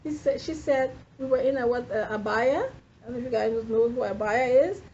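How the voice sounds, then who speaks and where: Animated woman lecturing a class. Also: fairly high pitch, normal speed. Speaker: nursing instructor. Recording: dull lo-fi classroom recording with faint noise.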